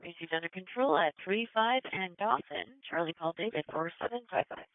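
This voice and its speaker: A woman dispatching police calls over two-way radio in a brisk, procedural manner. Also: fairly low pitch, expressive, no echo. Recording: dry, phone-like scanner radio feed.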